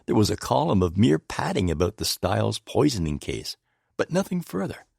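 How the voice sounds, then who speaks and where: Male narrator, first-person audiobook, husky, animated intonation. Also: dry recording, studio quality. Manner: measured, storytelling, with wide pitch movement.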